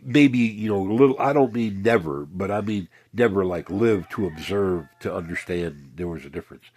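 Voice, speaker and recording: A man's voice: low-pitched, moderate pace, darkish tone, dry recording. A man talking casually at home in a blunt, folksy, rambling way, cursing freely and often restarting his sentences. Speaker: vlogger. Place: home, indoors.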